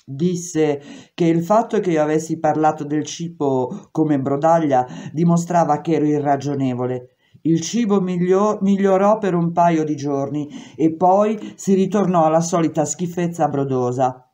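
A woman reading a memoir aloud in steady, measured first-person narration. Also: deep voice. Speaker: reader.

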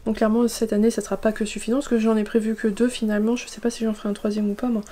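A French woman in her thirties chats casually as host of her knitting vlog, wandering off into asides full of fillers. Her voice sits a little high, with a soft, mellow tone. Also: level tone, rapid-fire. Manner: rambling, many fillers and asides.

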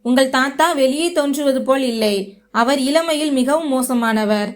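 A woman's voice: high-pitched, normal speed, lightly acted. A woman voicing a household maid in a spoken story, telling a secret in a confiding way.

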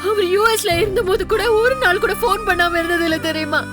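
A woman's voice: extremely high pitch, brisk, over music. An actress playing a young woman pleading tearfully for news of her missing father. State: crying. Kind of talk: Tamil TV serial acting.

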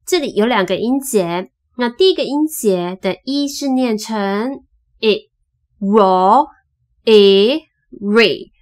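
A woman teaching English phonics, patiently spelling out sounds and repeating each word slowly. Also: on the high side, lively intonation, a little mellow. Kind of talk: slow spoken phonics lesson.

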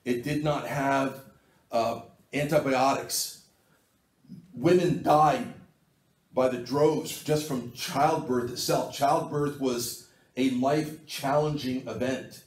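A man's voice: mid-range voice, fairly even intonation, slow. A man preaching a sermon as pastor, in a plain conversational way, and asking his congregation to answer in their minds. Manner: conversational, asks the congregation to respond. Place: church sanctuary. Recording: echoey church, mic at a distance.

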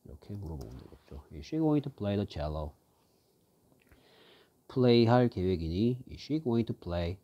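Lively, low-voiced male English teacher. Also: dull audio. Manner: reads English example sentences slowly, explains in quick bursts. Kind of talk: grammar lesson explanation.

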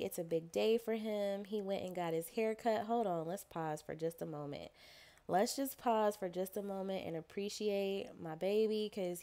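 A woman's voice: medium pitch, dark tone. A woman casually commenting on her life-simulation game, chatty and playful, often voicing what her characters think. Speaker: gameplay narrator. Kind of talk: casual let's-play commentary.

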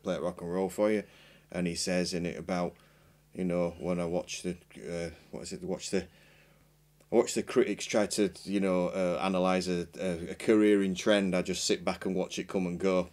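A man's voice: sits low, level tone, normal speed, a little mellow. A man, a band member chatting as a guest in a small podcast studio, rambling and self-deprecating, with many restarts. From Yorkshire, England. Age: 40s. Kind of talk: casual chat. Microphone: boom mic with headphones.

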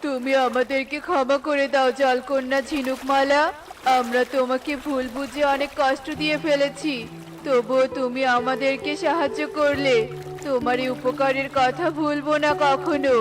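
A woman's voice: high-pitched, flat delivery, moderate pace, natural voice. A woman voicing a suspicious male bird, an elder brother, in a children's cartoon, with an earnest, questioning manner. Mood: apologetic. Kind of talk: children's cartoon story acting. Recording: music under the voice.

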